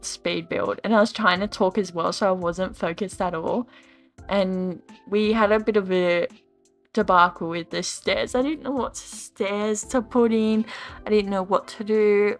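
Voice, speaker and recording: A tired young woman rambling and ranting in a casual, self-deprecating voice-over while she builds in a game. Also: mid-range voice. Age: young adult. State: tired, yawning. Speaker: Sims gaming YouTuber.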